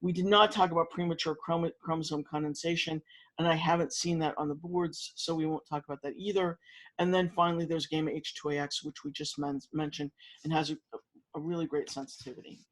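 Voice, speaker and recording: A man with a fairly high voice delivers a university lecture. He explains step by step, often pausing on fillers and restarting his sentences. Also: steady tone, fairly bright tone, poor audio. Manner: halting, many fillers and restarts.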